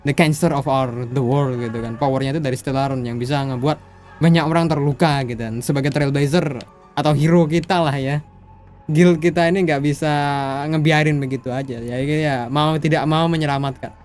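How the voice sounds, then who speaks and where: A man's voice: on the high side, steady tone, quick pace, a little mellow, faint music behind. A man with an Indonesian accent giving casual commentary as he livestreams a game. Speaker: streamer playing a game.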